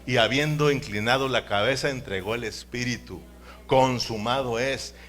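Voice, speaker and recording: A man's voice: mid-range voice, brisk, a bit bright. A man preaching a sermon in a church, emphatic, calling his listeners brothers and asking them to repeat after him.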